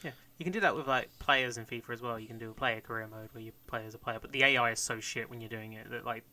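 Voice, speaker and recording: A man's voice: mid-range voice, steady tone, fast, pushed and bright. A man co-hosting a podcast in a casual, rambling chat, swearing and laughing often. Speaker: podcast co-host.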